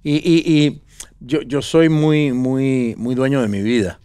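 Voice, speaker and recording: A Venezuelan man in his thirties, a guest on a studio talk show, speaking casually into a headset mic. He rambles in a relaxed way, often trailing into fillers and restarting his sentences. The sound is dry and close. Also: medium pitch, slow pace, clean tone, no room sound. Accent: Venezuelan Spanish. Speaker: guest actor. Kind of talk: casual interview chat. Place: pink-decorated talk show studio set. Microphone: small headset mic.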